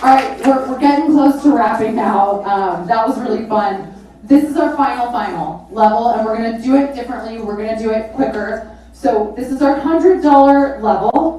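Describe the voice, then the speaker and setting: Female fundraising auctioneer, high voice, exclamatory and chatty, heard from afar in a very reverberant venue. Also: moderate pace, dark tone, a little hiss or hum. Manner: exclamatory, informal, chatty with bidders. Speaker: charity auctioneer and event host. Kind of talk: live fundraising auction calling. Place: large echoey event venue with a live audience. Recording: echoey hall, distant PA, crowd.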